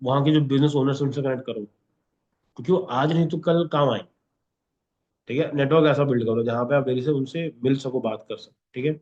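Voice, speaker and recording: A man's voice: medium pitch, a little fast, a little mellow, lo-fi sound. A man teaching a class in a lesson, checking in with "okay?" after nearly every point. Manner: instructive, repeats 'okay?' constantly. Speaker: instructor.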